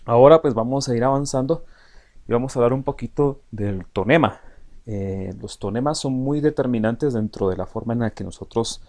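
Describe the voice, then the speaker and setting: A man delivers a recorded lecture to his class in a mid-pitched voice. He explains at an even pace and fills his pauses with drawn-out hesitations. He talks straight to his students. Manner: explanatory, frequent "eh" fillers; addresses students directly. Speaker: teacher.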